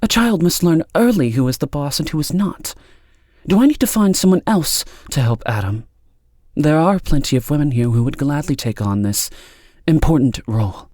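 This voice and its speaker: A male audiobook narrator voices a stern woman of authority, pitching his voice up with lively intonation at a normal speed and a darkish tone. Her delivery is cold, clipped, impatient, condescending, and dismissive. The recording is close and dry, with no room sound.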